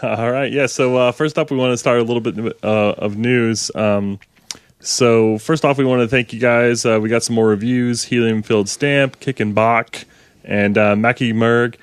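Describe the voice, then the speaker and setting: A man co-hosting a casual programming podcast, talking in a hesitant way with many filler pauses. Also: medium pitch, fairly even intonation, smooth, no echo. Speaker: podcast co-host. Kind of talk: casual tech podcast chat.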